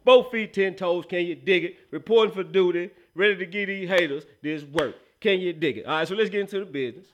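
A man hosts a casual sports talk show in a high, bright voice. His talk is slangy and full of hype, addressed straight to the audience. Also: quick pace, few pauses, slight background noise. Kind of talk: casual show opening and promos.

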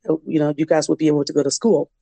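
A young Liberian woman who grew up in a West African refugee camp and founded a dance program shares personal stories as an interview guest, reflective and conversational. Her voice is deep, mellow and level, she talks fast, and the recording has no room sound.

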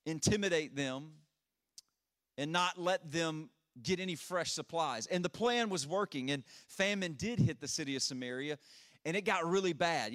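A man preaching a sermon at a pulpit microphone, telling and reading scripture in a deliberate way, repeating phrases for emphasis. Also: a little high, fairly bright tone, dry recording, studio quality.

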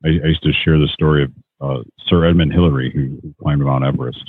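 Podcast host, male, low and raspy, exhorting; dry, phone-quality call audio. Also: steady tone, fast talker, no echo. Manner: earnest, exhorting. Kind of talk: motivational podcast talk.

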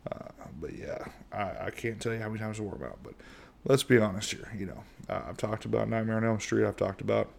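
A middle-aged American podcast host rambles through his casual solo episode in a monotone, with many fillers and restarts. His creaky, lowish voice races along fast, hardly pausing at all.

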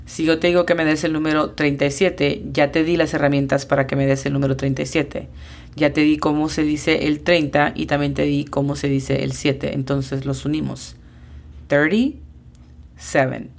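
On a podcast, a woman with a deep voice teaches an English lesson, patiently spelling out pronunciations one letter at a time.

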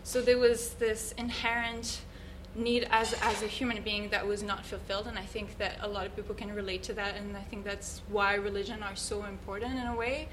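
A woman's voice: mid-range voice, flat delivery, a little fast, hardly any pauses, background noise. A woman, a guest on an interview show, earnestly reflecting on her life and now and then searching for words. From Switzerland. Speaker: guest, yoga teacher. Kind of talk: reflective personal storytelling.

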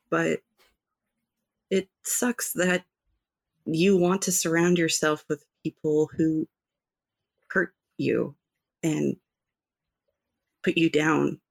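A tabletop player voicing an earnest female hero who coaxes with gentle, pleading questions. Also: mid-range voice, creaky.

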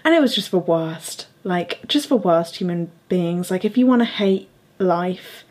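A young adult woman hosts a podcast in a fairly low, slightly mellow voice, animated yet unhurried. She chats casually, using plenty of fillers and laughing often.

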